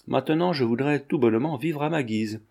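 A man's voice: mid-range voice, fairly quick, vocal fry, darkish tone. A man reading a novel aloud, voicing a carefree, whimsical young Parisian man who speaks earnestly.

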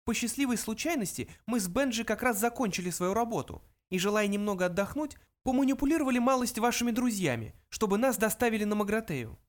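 Reader doing a high-pitched lab mouse, pompous, brisk, cynical, lecturing, audiobook. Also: lively intonation, natural voice. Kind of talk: audiobook character reading.

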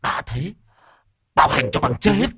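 A man voicing the bitter ghost of a miscarried child, speaking in a high, thin, drawn-out whine and cursing the family. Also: very animated, a bit bright, breathy edge, no echo, studio quality, heavily acted. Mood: furious cursing. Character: wailing ghost of an unborn child, bitter, vengeful.

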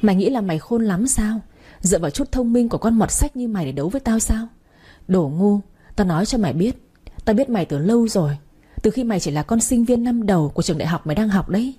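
A woman's voice: mid-range voice, expressive, fast, mellow, breathy edge. A woman voicing a cruel, scheming female villain who sneers and hisses threats. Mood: sneering.

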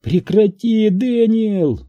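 A man's voice: sits high, animated, slow pace, muffled recording, voice pushed up. A man voicing a terrified pleading woman. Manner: raised, crying out.

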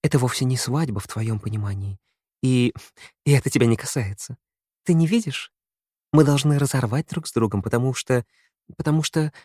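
A man reading aloud voices a reserved young woman who speaks in a quiet monotone and turns pleading and fast. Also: fairly high pitch, dry recording, clean studio sound, pitched above the performer's own voice. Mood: urgent. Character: reserved young woman, cold then anguished.

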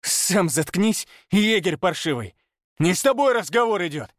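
A man voicing a furious businessman who shrieks back in a shrill, defiant voice. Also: sing-song, measured pace, no room sound, studio quality. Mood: enraged shrieking.

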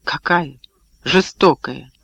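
Brief: male reader doing an embittered young wife, sharp and resolute, dry close read. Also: on the high side, takes it slowly, creaky, no room sound, heavily acted. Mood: cold. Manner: cold, cutting retorts.

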